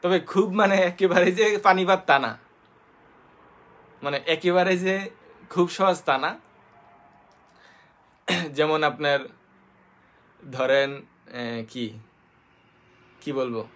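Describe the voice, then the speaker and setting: A man from Bangladesh with a Bangladeshi Bengali accent, hosting a casual live-stream lesson on basic Japanese. He talks hesitantly with many fillers, spells letters out slowly, and greets viewers by name. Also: a little high, a bit bright. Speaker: host teaching basic Japanese.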